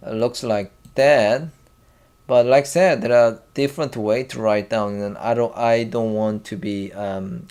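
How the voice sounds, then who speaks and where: A man teaching a language lesson, halting with many fillers and restarts, and sounding out syllables one by one. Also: fairly low pitch, a little mellow, clear, resonant tone.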